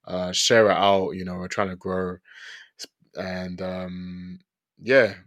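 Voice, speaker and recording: Low-voiced young London man, dry close sound. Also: level tone, slow, a bit bright, dry recording. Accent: London, urban slang. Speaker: podcast host. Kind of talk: casual sports chat.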